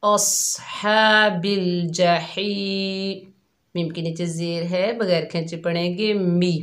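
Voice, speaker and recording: Woman tajweed teacher, slightly sore throat, low voice, unhurried and methodical delivery. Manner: calm, methodical explaining, drawn-out recitation of words. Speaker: Quran recitation teacher. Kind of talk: slow step-by-step tajweed lesson.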